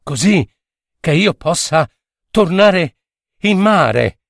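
A man voicing a sly, theatrical male dolphin with a high, exaggerated, sighing voice in a storybook reading. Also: expressive, extremely slow, vocal fry, dry recording, studio quality, heavily acted. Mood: pleading. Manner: pleading, overacted, like a comedian.

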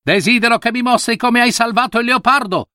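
A shrewd she-monkey sitting as judge in a storybook, her harsh voice pitched high and pressing her point, as a man puts her on. The sound is dry and close. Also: a little fast, pushed and bright, dry recording. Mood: insistent. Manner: pushy, insistent. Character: shrewd female monkey judge, sharp-tongued.

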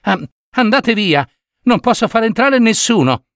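A man voicing a gentle, timid young maiden in a storybook reading, hesitant and soft. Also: high-pitched, animated, a little slow, voice pushed up, heavily acted.

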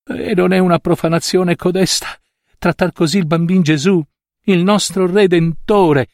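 A man's voice: sits high, fairly even intonation, moderate pace, darkish tone, no echo, clean studio sound, voice pushed up. A man voicing an elderly devout aunt who laments and exclaims with pleading questions. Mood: indignant lament.

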